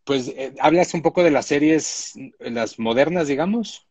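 A man talks things through slowly and thoughtfully, often restarting his sentences. He is on a phone or laptop video call from a room at home, and the sound is dry and close. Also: a little high, darkish tone, breathy edge, dry recording. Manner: thoughtful, reflective, with frequent restarts. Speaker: showrunner and director, guest. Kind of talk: casual live-stream interview.

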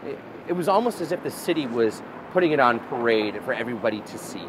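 Standing outdoors by a prison wall on a city street, a thirty-something tour guide tells history like a story, with plenty of fillers and restarts. He talks quickly in a mid-range voice with lively intonation. Street traffic can be heard throughout.

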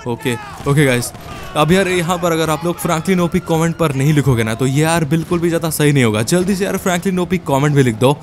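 A young man giving excited gameplay commentary, talking to his viewers in casual slang and repeating words in quick, frantic bursts. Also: a little high, soft background music. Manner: speaks as the game character in first person; casual slangy Hinglish, addresses viewers as guys. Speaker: gaming YouTuber. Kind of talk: excited Let's Play commentary.

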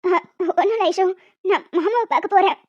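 A woman's voice: very high-pitched, brisk. A woman voicing a remorseful, jealous young woman who talks in an earnest, pleading way. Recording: dull lo-fi audio with music.

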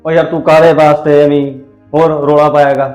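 A man's voice: fairly high pitch, level tone, moderate pace, darkish tone, reverberant, soft background music, lightly acted. A young man playing a defensive, exasperated husband caught between wife and mother. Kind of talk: village family drama acting.

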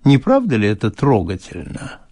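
A man voicing an affable, condescending gentleman landowner with a patronizing manner. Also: mid-range voice, huge pitch swings, moderate pace. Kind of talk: audiobook character reading.

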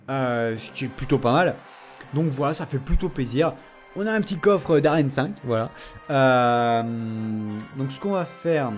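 Gaming host, male, somewhat high pitch, excitable, teasing, laughs a lot. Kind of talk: casual gameplay commentary.

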